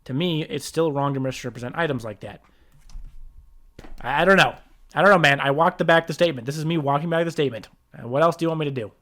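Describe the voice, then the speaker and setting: A man's voice: on the high side, fast talker, a bit bright. Man defending himself, exasperated. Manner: defensive, exasperated rebuttal with frequent restarts. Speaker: streamer reacting to a video about himself. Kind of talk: reaction commentary.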